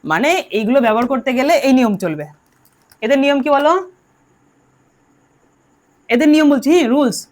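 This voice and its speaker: Lively high-voiced woman teaching grammar. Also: normal speed, long pauses. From Bengal. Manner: drills students, asks them to answer aloud. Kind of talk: classroom lesson.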